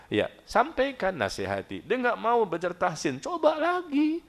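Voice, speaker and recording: A middle-aged man preaching a humorous sermon to a study gathering, joking and often jumping high in pitch for emphasis. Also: wildly swooping pitch, moderate pace.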